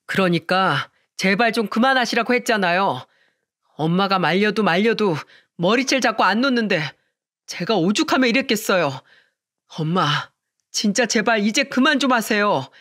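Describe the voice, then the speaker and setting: A grown son torn between his mother and his wife, voiced by the storyteller, in a radio drama. He speaks earnestly and apologizes tenderly, in a middle-pitched voice. The recording is dry and close. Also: animated, moderate pace, fairly bright tone, dry recording, close to an everyday voice. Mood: pleading, firm. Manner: earnest and pleading. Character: pleading, protective grown son and husband.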